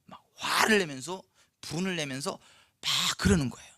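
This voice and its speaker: Pastor guy preaching at night service, high bright voice, tells the story lively, asks the crowd stuff. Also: normal speed, no echo, studio quality. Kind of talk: sermon. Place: church, Friday night service.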